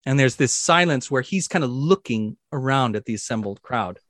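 A man narrating a tabletop game as dungeon master, telling the action vividly and excitedly, with sound effects. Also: mid-range voice, normal speed, no room sound, studio quality.

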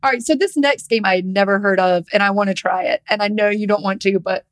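A woman's voice: mid-range voice, steady tone, quick pace. A woman on a podcast, talking casually and cursing as she walks through her notes. Her voice sits in an ordinary middle range, and she keeps things loose and joking. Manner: swears freely, reads notes aloud with a laugh. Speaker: podcast co-host. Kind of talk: casual chat.

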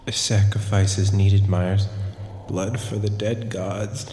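A man's voice: lowish voice, fairly even intonation, takes it slowly. A man voicing a police dispatcher heard over a radio, talking in clipped radio procedure. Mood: menacing. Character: male police dispatcher on the radio, flat and later sinister. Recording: echoey, noisy, distant radio sound.

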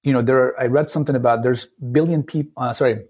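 A man in his late thirties from Turkey with a Turkish accent, a podcast guest talking thoughtfully and pausing often to search for words. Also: medium pitch, fairly even intonation, a little mellow, husky. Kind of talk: casual interview talk.

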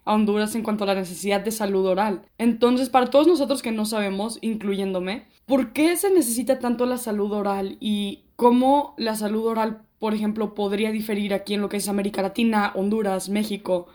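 A woman's voice: mid-range voice, fairly quick, hardly any pauses, a little mellow. A woman hosting an interview, asking friendly, conversational questions. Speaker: interview host.

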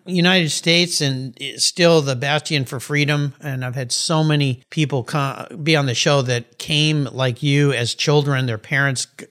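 A man hosting an interview podcast in casual chat, enthusiastic and quick with exclamations. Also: medium pitch, fairly bright tone. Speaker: podcast host.

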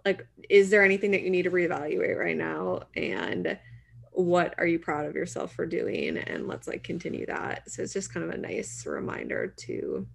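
A woman's voice: medium pitch, gravelly. A woman in her late twenties, a podcast co-host chatting in a reflective, casual way with many filler words. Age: late 20s.

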